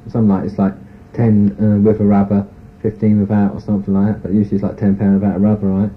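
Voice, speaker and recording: On a tinny, phone-like tape with faint hiss, a man with a low voice talks fast and completely flat. In this interview he rambles frankly through a personal account, peppering it with "you know" and "sort of".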